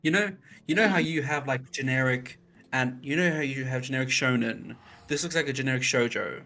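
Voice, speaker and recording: A man's voice: medium pitch, a little fast, sharp tone. A man in casual group chat, making short offhand remarks. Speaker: stream participant. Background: music.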